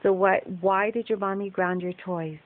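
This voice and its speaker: A woman's voice: medium pitch, steady tone, normal speed. A woman on a home phone video firmly and patiently questioning a child. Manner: firm, patient, repeatedly questioning. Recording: tinny lo-fi phone recording with hiss.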